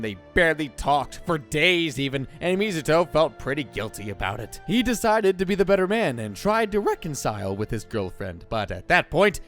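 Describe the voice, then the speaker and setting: A man's voice: medium pitch, fairly bright tone. A man narrating a scripted comedic story recap in a slangy, irreverent way with sarcastic asides.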